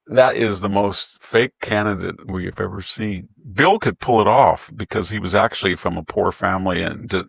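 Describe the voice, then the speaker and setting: Gravelly guy doing sarcastic political commentary, scornful, dry close sound. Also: low-pitched, a bit bright, no echo. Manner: scornful, mocking, mimics opponents.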